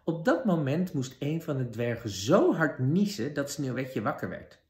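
A man reading a children's fairy tale aloud with expressive narration. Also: medium pitch, moderate pace. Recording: roomy echo.

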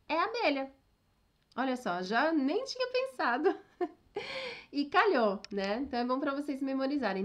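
Lively, high-voiced woman teaching online. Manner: chatty, keeps checking in with "né?" and "ok?", laughs at herself. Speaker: Japanese teacher. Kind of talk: online language lesson.

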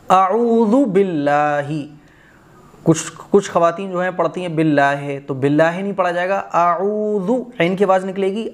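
A man with a high voice and an Indian Urdu accent teaches recitation. He repeats each phrase slowly and draws out its sounds as a patient lesson. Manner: drills words slowly, repeating them with careful drawn-out recitation. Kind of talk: religious pronunciation lesson.

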